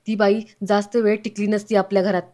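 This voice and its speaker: A woman's voice: mid-range voice, little pitch movement, a little fast, warm tone, natural voice. A woman voicing a young uncle who firmly scolds the children as she retells a serial. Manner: scolding, firm.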